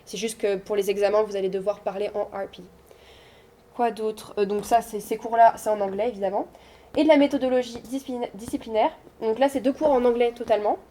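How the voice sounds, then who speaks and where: A young adult woman, a student, giving an informal, reassuring talk to high schoolers in a school room, hesitating often with fillers. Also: fairly even intonation, brisk, warm tone, a little hiss or hum. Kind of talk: informal presentation.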